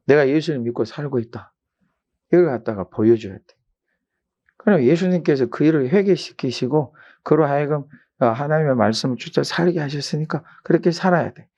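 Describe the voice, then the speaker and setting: A middle-aged male pastor preaching a sermon, telling a story and rising to loud emphatic peaks. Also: lowish voice, lo-fi sound.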